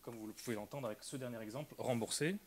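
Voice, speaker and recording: A male linguistics lecturer gives an academic talk in a careful, explanatory way. His voice is a little mellow and sits at an ordinary middle pitch. He pauses often, filling gaps with hesitations and restarting phrases.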